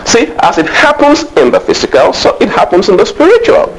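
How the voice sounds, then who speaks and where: A man's voice: very high-pitched, huge pitch swings, a little fast, slight background noise, rough recording. A man preaching a sermon as pastor. He calls out to the congregation, asks them questions and often adds hallelujahs. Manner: call-and-response preaching, frequent hallelujahs.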